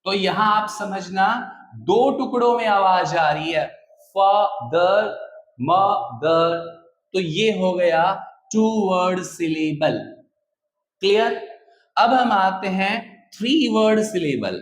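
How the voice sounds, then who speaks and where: A man teaching a grammar lesson, repeating words slowly and often checking that students follow. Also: sits high, lively intonation. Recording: echoey room with faint ambience.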